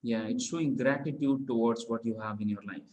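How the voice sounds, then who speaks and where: A man with an Indian English accent guides a client through a coaching call. His voice sits at a middling pitch and moves at an even pace. He speaks earnestly and instructively, stacking up repeated affirmations. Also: fairly quick, slight background noise, rough recording. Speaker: mindset coach.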